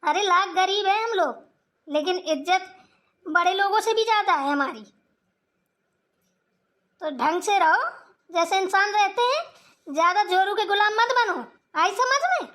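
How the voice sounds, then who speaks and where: A woman voicing an angry, proud old village mother-in-law in a Hindi cartoon, scolding her sons in a sharp-tongued way. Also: extremely high pitch, expressive, unhurried, long pauses, heavily acted.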